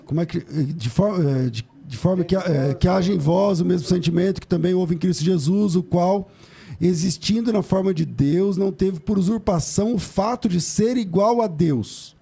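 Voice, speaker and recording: A Brazilian man hosting and moderating a live religious debate as a pastor, questioning in a halting, insistent way. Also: high voice, creaky, mellow, breathy edge. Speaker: host pastor.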